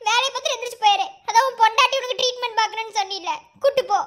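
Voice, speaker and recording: A woman with a Madurai Tamil accent voicing young village women in an animated family cartoon, scolding in quick slang. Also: very high voice. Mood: bickering.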